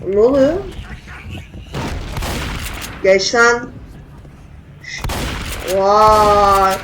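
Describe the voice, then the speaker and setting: A man's voice: high voice, extremely slow, noisy background. A man hosting a gaming channel, giving loose gameplay commentary full of yelps, sudden exclamations and slangy swearing.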